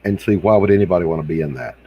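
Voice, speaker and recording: A man from Hilton Head Island, South Carolina, with an American accent chats casually in a wry, joking way. His low voice is very fast with a breathy edge, and the audio is dull.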